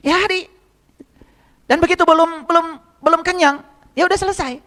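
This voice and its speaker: A man preaches in a strikingly high voice, teaching his congregation in an easy, conversational way. He repeats phrases for emphasis and keeps turning to his listeners with rhetorical questions. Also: steady tone, normal speed, sharp tone. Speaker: religious teacher. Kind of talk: sermon.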